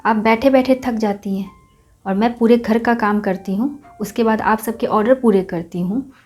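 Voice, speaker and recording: A woman's voice: fairly high pitch, fairly even intonation, normal speed, a little mellow, soft background music, lightly acted. A woman playing a greedy, lazy young daughter-in-law in a family drama, complaining sharply and then turning falsely sweet. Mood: scolding. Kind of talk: Hindi family short drama acting.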